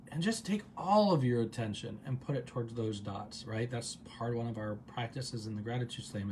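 Male meditation host, middle pitch, calm, guides a gratitude practice with soft drawn-out repetitions; faint background hum. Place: office.

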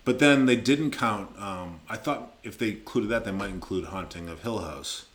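A man's voice: on the low side, moderate pace. A man co-hosting a podcast, chatting casually in a playful, self-deprecating way. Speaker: podcast co-host. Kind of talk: casual chat.

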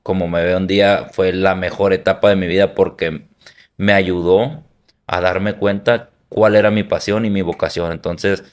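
A man's voice: low-pitched, steady tone, normal speed. A man from Hermosillo with a Sonoran Mexican accent, a football coach and former player, answering interview questions in an earnest, reflective way. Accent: Sonoran Mexican Spanish.

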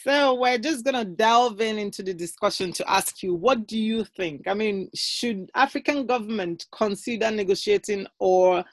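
A woman opens a podcast episode with a measured, formal delivery. Her voice is recorded dry and close, with no room sound around it. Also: mid-range voice, no room sound. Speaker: podcast host. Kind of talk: scripted podcast introduction.

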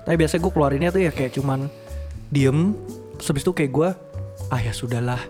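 A man's voice: a little high, fast talker. A young man, a podcast co-host telling slangy stories in casual chat and laughing often. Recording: faint music behind.

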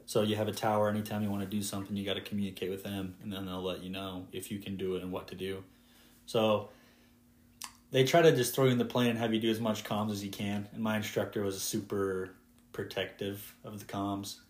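A man in his twenties, a flight instructor and podcast guest, telling stories in a casual, lively way and acting out radio calls. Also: lowish voice, a little fast. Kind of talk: casual storytelling in conversation.

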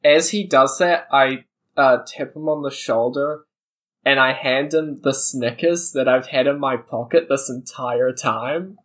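A woman speaks slowly as a tabletop player. She delivers her lines in a dry, unhurried way. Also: a bass voice. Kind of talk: casual tabletop game chat.

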